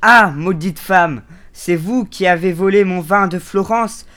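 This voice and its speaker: A woman's voice: on the low side, measured pace, a bit bright, voice pushed down. A woman doing a pompous, hot-tempered priest. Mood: furious. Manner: stiff formal politeness turning to insults.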